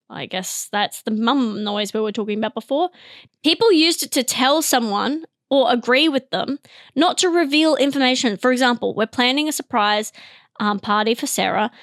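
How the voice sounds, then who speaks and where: Giggly high-voiced Australian woman, dry mic. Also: fairly bright tone, no room sound. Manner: giggly, self-interrupting, jumps between bits. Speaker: comedy podcast host. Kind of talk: rambling comedic monologue.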